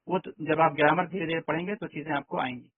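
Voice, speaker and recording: A man's voice: fairly high pitch, steady tone, dry recording. A man teaching an online language lesson, explaining step by step and often checking that students understand. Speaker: Arabic teacher. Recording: tinny online call audio, dry.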